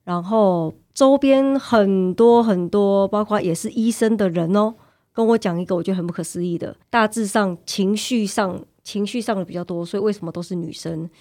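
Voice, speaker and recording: A woman's voice: mid-range voice, normal speed, dark tone. A woman in her thirties with a Taiwanese Mandarin accent, casually telling personal stories as a podcast guest.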